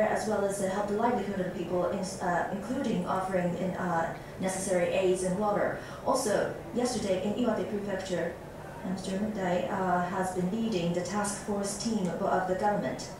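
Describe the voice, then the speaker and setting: A woman doing live simultaneous interpreting of a press conference, speaking steadily with frequent fillers and self-corrections. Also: mid-range voice. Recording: echoey, distant, noisy clip played back in a lecture room.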